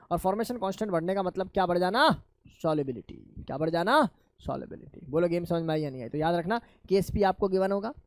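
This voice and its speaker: A man teaching a chemistry lesson, asking his students questions and answering them himself in a lower voice, calling them children. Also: a little mellow, dry recording. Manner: addresses students affectionately as children. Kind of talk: classroom lecture.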